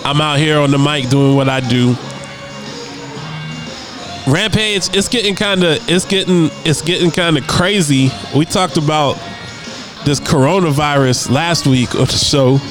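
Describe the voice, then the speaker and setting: Over background music, an American man hosts a casual internet radio show in a laid-back way. His voice is a little high and a little slow, and he often repeats words while thinking aloud.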